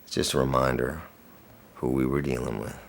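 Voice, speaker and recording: An actor playing a soldier with a dark sense of humor, bitter and profane. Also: male voice, very deep voice, level tone, a little fast, gravelly, a little hiss or hum. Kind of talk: dramatic monologue.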